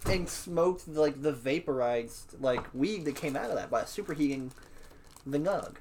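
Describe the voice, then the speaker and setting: A young man in casual podcast chat, telling stories in an animated, swearing, trailing-off way. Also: on the high side, a little slow, a little hiss or hum.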